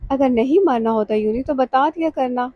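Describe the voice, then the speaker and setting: A woman's voice: sits high, no echo, muffled recording. A woman reading the lines of a blunt young friend who fires off scolding questions.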